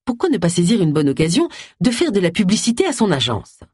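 An audiobook reader giving expressive scripted narration close to the mic. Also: mid-range voice, fast, husky, no room sound. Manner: expressive storytelling.

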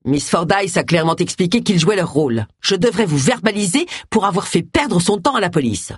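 A woman's voice: on the low side, sing-song, fairly quick, breathy edge, dry recording, studio quality. A woman reading aloud voices a stern police officer lecturing in an officious, scolding way.

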